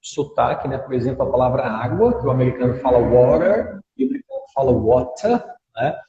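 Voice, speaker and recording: A man's voice: mid-range voice, very animated, very fast, mellow, slight background noise. A man, an English teacher in an interview, patiently explaining and modelling pronunciations. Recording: dull audio in an echoey room with long reverb.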